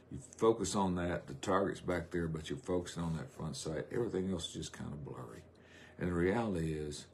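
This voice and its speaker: A middle-aged man, preaching a folksy, rambling sermon on a live stream with drawn-out emphasis. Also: deep voice, a little mellow, a little hiss or hum.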